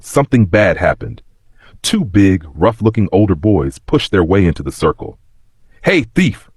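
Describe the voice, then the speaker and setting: A man narrating a scripted story in a measured, expressive way. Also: deep voice, slightly rough, dry recording, clean studio sound.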